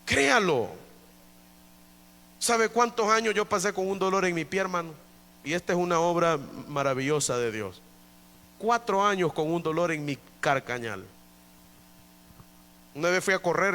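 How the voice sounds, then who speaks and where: Bright-voiced male pastor preaching. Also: fairly high pitch, lively intonation, normal speed, long pauses, in a large hall. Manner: emphatic preaching with many repetitions, often addressing listeners as brother. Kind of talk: evangelical sermon. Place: church during an evening service.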